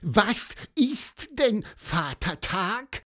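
A man voicing a small, indignant male talking bird who scolds in a shrill, drawn-out voice. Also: big pitch swings, bright, forceful tone, exaggerated voice. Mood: puzzled.

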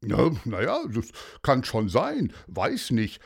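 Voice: medium pitch, huge pitch swings, slow, creaky, breathy edge, full character voice. The narrator of a children's story voicing a friendly, somewhat older man who answers hesitantly.

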